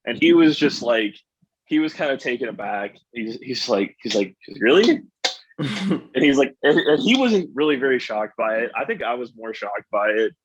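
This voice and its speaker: A man's voice: medium pitch, animated, normal speed, breathy edge, muffled recording. A man from the United States chatting casually with a friend on a call, rambling with lots of "like" and "you know". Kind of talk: casual chat.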